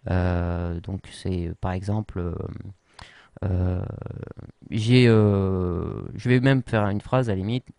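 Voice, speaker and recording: Male tutorial host, low voice, hesitant and filler-heavy, writing as he talks; dry close sound. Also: fairly even intonation, slow pace, dark tone, dry recording. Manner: hesitant, many fillers and restarts. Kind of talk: casual tutorial explanation. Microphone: worn mic.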